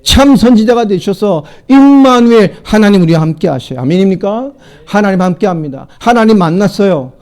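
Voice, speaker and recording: A middle-aged pastor preaching with a high-pitched male voice. He fires questions at the congregation and drops from loud emphatic lines to quiet asides. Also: animated, brisk. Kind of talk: sermon.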